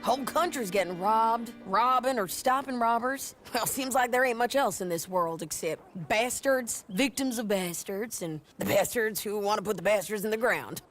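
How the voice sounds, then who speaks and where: A woman's voice: on the high side, normal speed, few pauses, fairly bright tone, faint music behind, lightly acted. An actress playing a hardened, blunt frontier woman in a western video game, cynical and plainspoken. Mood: wry. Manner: blunt, cynical, folksy grammar.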